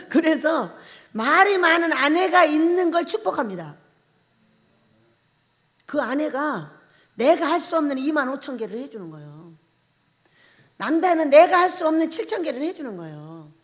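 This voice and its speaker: A woman's voice: high voice, big-room sound. A woman pastor preaching a sermon in a church, joking and laughing often as she speaks and acting out little dialogues between husband and wife. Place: church sanctuary.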